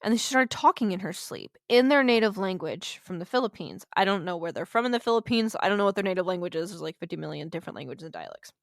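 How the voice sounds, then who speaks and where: A woman hosting a podcast tells a true-crime story in a loose, chatty way. She swears freely and breaks off for jokes and asides. Her voice sits at an ordinary middle pitch and sounds close and dry, with no room echo. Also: animated, fast, vocal fry, hardly any pauses. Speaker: podcast host.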